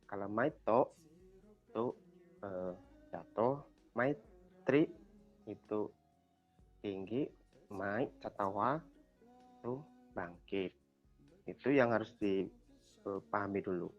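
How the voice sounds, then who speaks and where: A man's voice: lowish voice, takes it slowly, long pauses, faint music behind. Guy teaching an online class, quizzes students then repeats the answers, muffled call audio. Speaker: Thai language teacher.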